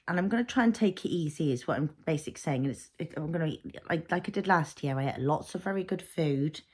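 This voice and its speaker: Her voice is on the low side and darkish as this thirtysomething mom vlogger muses aloud in a casual personal video. The talk wanders and turns reflective, peppered with fillers.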